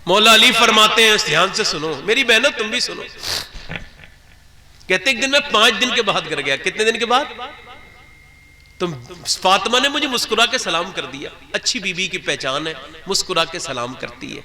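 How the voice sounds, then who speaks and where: A man's voice: high voice, animated. A man preaching an emotional religious sermon, his voice swelling toward tearful pleading as he retells scenes to his listeners. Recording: crowd of listeners behind.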